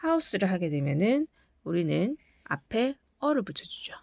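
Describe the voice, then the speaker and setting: A woman's voice: mid-range voice, big pitch swings, measured pace, gravelly, a little mellow, no echo. A woman teaching an English grammar lesson, explaining patiently step by step and checking in with rhetorical questions. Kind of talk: recorded lesson lecture.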